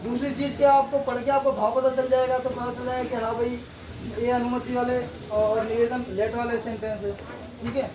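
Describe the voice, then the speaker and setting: A man's voice: very high-pitched, level tone, brisk. Man teaching grammar in an echoey room. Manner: explains step by step, repeats "theek hai" often. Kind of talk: classroom-style grammar lesson. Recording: echoey room, distant mic, background noise.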